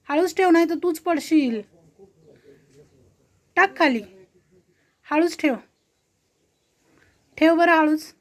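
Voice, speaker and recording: A woman with a Marathi accent coaxing a toddler in baby talk, repeating short phrases over and over. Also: high-pitched. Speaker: parent talking to a toddler.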